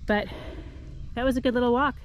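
A woman's voice: on the high side, steady tone, brisk, dull audio. Chatty woman vlogging outdoors. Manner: chatty, laughs often. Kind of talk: casual travel vlog chat. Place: outdoors on an island beach and boat. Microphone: action camera held at arm's length. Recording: outdoor wind and water noise.

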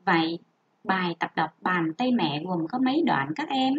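A woman teaching a first-grade reading lesson online, reading slowly and spelling out each sound for young children. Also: fairly low pitch, animated. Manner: slow, careful, drawn-out model reading and spelling out sounds. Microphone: home recording for an online class. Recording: dull lo-fi sound.

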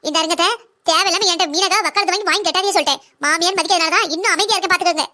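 A woman as a blunt young daughter-in-law: very high, bright, rapid-fire cartoon voice, lecturing and defiant. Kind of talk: cartoon drama voice acting.

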